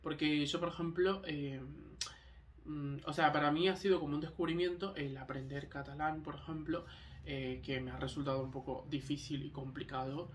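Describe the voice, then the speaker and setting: Young Argentine man, Canarian-tinged accent, higher voice, loose chatty vlog delivery, mic set back. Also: fairly even intonation, normal speed, distant mic, slight background noise. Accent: Argentine Spanish with Canarian touches. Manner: rambling, many fillers and restarts. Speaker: vlogger. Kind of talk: casual monologue to camera.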